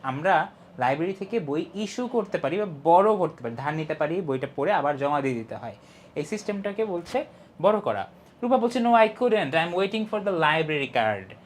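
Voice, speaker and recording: A young man teaching an English lesson, explaining step by step, reading English lines slowly and stressing key syllables. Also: fairly high pitch, big pitch swings, slight background noise. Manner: explains step by step, often asks "ঠিক আছে?". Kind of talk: online class lesson.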